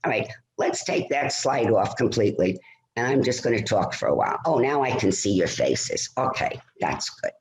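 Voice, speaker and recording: A man presenting a stress-management talk on a video call, lively and conversational, often checking in with "all right?". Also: fairly low pitch, normal speed. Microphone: computer mic on a video call. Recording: roomy video call audio.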